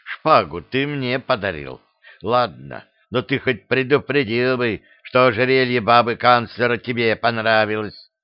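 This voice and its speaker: A sour tomcat hisses his complaints in a low, smooth grumble, as a man puts him on. He is cross and blunt. The audiobook sound is dry and slightly muffled. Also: measured pace, no echo, close to an everyday voice. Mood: grumpy. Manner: hissing, grumbling. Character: grumpy male cat thief, hissing. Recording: slightly dull dry recording.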